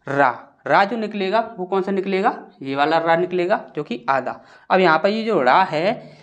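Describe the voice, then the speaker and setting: A man teaching Hindi grammar, explaining step by step, asking questions and answering them himself, and sounding out syllables slowly. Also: sits high, a bit bright. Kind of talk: classroom-style lesson.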